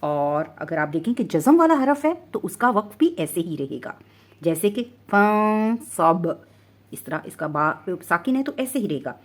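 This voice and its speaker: A woman's voice: lowish voice, husky. A woman with a Pakistani Urdu accent teaching Quran recitation rules step by step, patiently explaining each rule and drawing out the recited Arabic words.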